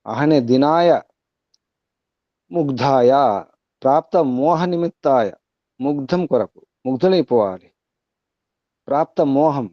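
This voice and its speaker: A man giving a spiritual discourse. He chants verse words slowly, then explains them in measured, repetitive phrases. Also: medium pitch, dry recording, lo-fi sound. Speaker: Vedic teacher.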